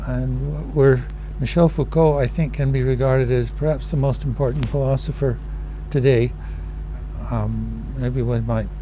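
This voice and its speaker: An older man from California, introducing himself at a meeting in a halting way, with many pauses and fillers and the odd throat-clear. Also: mid-range voice, steady tone, mellow, a little hiss or hum, poor audio. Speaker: academic speaker. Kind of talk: informal self-introduction at a meeting. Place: office meeting room.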